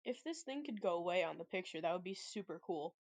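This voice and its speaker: A woman playing a tabletop role-playing game chats casually, teasing playfully and laughing easily. Her voice is lowish, darkish, expressive and fast, recorded with no echo.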